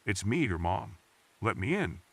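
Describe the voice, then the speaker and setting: A man's voice: big pitch swings, a little slow, fairly bright tone, breathy edge, no room sound, exaggerated voice. A man voicing an eerie impostor at the door. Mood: coaxing, eerie. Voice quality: low, almost growling. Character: eerie impostor mimicking a mother, calm, menacing.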